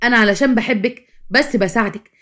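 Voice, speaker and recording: A stern, proud Egyptian husband scolds his wife in rapid, insistent bursts, as a woman narrator puts him on. The voice sits fairly high and keeps pressing forward. It is a spoken storybook role with a sharp edge of anger. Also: close to an everyday voice. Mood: angry. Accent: Egyptian Arabic. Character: exasperated husband, grown man, stern and proud.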